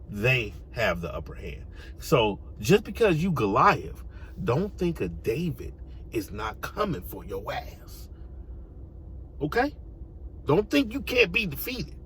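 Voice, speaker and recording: Speaking slowly but very animatedly, an American man with a mid-range, slightly bright voice gives a slangy, opinionated monologue as an online commentator. He leans on repetition to drive his points home, and faint background noise can be heard.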